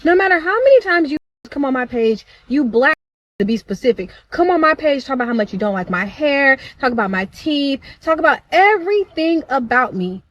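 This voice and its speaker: A woman's voice: high voice, very animated, fairly quick, no echo, muffled recording. A woman on a casual social media rant, sassy, combative and slangy.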